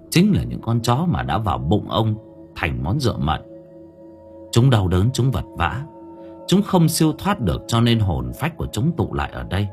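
A man narrating a ghost story in a dramatic storytelling manner. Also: lowish voice. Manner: dramatic, swings in tone. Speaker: audiobook narrator.

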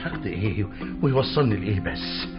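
An actor with an Egyptian accent playing an excitable husband accused of murder, protesting and wailing in a radio drama. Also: male voice, fairly low pitch, fairly quick, natural voice. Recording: dull old radio recording with music.

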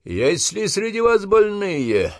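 A man's voice: fairly high pitch, big pitch swings, unhurried, no echo, studio quality, pitched above the performer's own voice, full character voice. A man voicing a harsh, scornful army drill sergeant who barks crude commands at recruits. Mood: stern, threatening. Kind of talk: audiobook character voice.

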